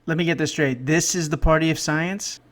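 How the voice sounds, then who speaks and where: A man hosting a political commentary show, delivering mocking jokes in a sarcastic, deadpan way. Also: a little high, brisk.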